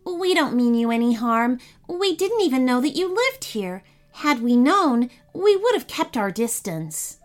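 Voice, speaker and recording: A woman's voice: high voice, measured pace, voice pushed up. Woman playing a polite brave young prince. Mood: earnest. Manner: earnest, calm and courteous.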